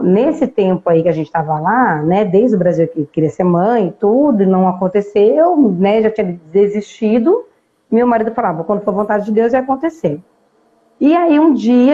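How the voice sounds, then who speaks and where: A Brazilian woman, an interview guest, telling a personal story in a casual, lively way and acting out bits of dialogue. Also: mid-range voice, highs cut off.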